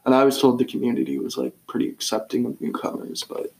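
A teenage boy co-hosting a podcast in casual chat, relaxed and rambling, sometimes searching for words. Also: mid-range voice, quick pace, gravelly, a little hiss or hum, poor audio. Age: teens. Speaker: podcast co-host.

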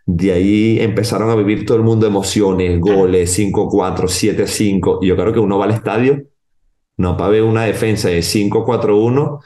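A man's voice: on the low side, moderate pace, reverberant. A man, a footballer, telling stories in a casual podcast interview and acting out other people in quotes. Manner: animated storyteller, voices others in quotes. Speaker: footballer guest.

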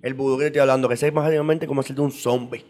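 A man's voice: mid-range voice, steady tone, very fast, darkish tone. A man explaining in casual interview talk, at length, with frequent repeats and restarts. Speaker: guest on esoteric topics.

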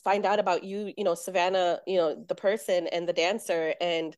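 A woman's voice: lowish voice, steady tone, normal speed, no echo, clean studio sound. A woman hosting an interview, praising her guest in a gushing way with lots of "you know" fillers. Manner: gushing, warm-hearted praise with many fillers. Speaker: host. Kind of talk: casual interview chat.

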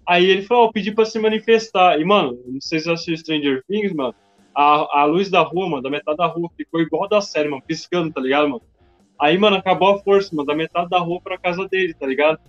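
A man from Brazil tells a story fast, his voice sitting a little high and stuffed with slang fillers. The sound is dull and lo-fi, with faint music under it. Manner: slangy, peppers speech with "mano" and "tá ligado". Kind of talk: casual chat.

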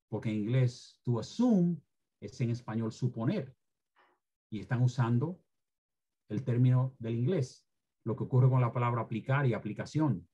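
A man's voice: mid-range voice, mellow, slightly rough. A former Spanish teacher being interviewed, a man who speaks emphatically and lectures about careless language use. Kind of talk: interview, opinionated commentary on language.

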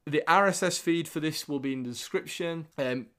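A man's voice: a little high, fairly quick, a bit bright, smooth. A man with a Northern English accent hosting a film podcast in an informal, jokey, sweary chat style. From England. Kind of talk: casual chat.

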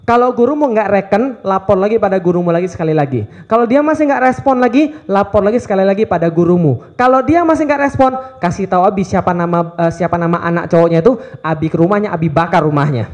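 A man in his thirties preaching to a live audience in a lively, playful way, firing off rhetorical questions. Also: high voice, fast. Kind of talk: lively youth sermon. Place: event hall with live audience.

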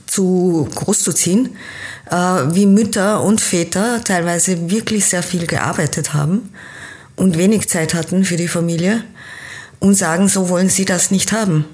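A woman's voice: mid-range voice, a little mellow. A woman from Kenya who works as a team-building coach, a guest in an interview, explaining at length and thoughtfully, with frequent hesitations.

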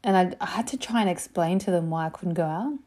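A woman's voice: on the low side, fast talker. Profane, chatty woman telling stories. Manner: animated, profane, lots of "like". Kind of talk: casual storytelling.

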